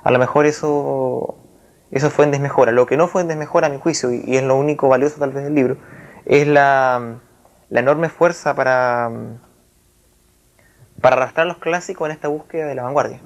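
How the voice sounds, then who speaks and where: A Chilean writer gives a reflective literary interview, his medium-pitched voice steady in tone. He chooses formal wording and speaks in a halting, searching way.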